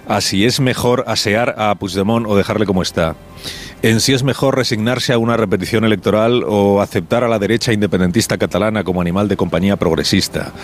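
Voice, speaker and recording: A male radio host delivers a reflective opinion monologue in a low voice. He is ironic and often pauses with fillers and restarts. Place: on location at a parliament building.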